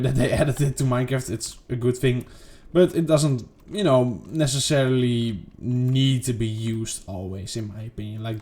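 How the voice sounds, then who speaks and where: A man casually talking through his gameplay, rambling and second-guessing himself with lots of fillers. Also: a little mellow. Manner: rambling, self-questioning, lots of fillers and "boom". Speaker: gaming video creator. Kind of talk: casual unedited gameplay commentary.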